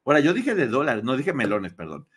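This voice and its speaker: A man's voice: mid-range voice, wildly swooping pitch, fairly quick, a bit bright, slightly rough. A man with a Mexican accent, hosting a live stream and giving a casual, gossipy, mocking book review. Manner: gossipy and mocking, acts out quotes in playful voices.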